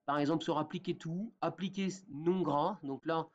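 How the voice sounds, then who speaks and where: Man walking through a software tutorial. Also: on the high side, normal speed, muffled recording. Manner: talks step by step with many fillers and a repeated "d'accord?". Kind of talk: screen-recorded software tutorial.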